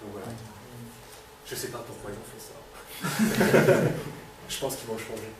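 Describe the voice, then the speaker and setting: Presenting a robot live in a hall full of people, a man who has a cold talks casually, using many fillers and asking the room questions. He speaks in a fairly low, level voice at a moderate pace, captured on a distant mic in an echoey room with background noise.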